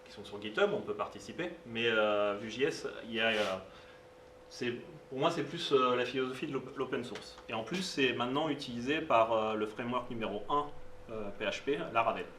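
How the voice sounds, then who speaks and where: Speaking to a live meetup audience, a man gives a technical talk with a medium, slightly bright voice. He hesitates a lot, fills gaps with fillers and drops informal asides. The distant mic picks him up in a roomy space over a faint hiss.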